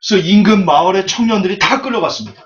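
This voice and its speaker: A man preaching a sermon with storytelling, lively and humorous, speaking straight to his listeners, on a dull lo-fi recording. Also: high-pitched, rapid-fire, slight background noise. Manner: lively, humorous, addresses the audience directly.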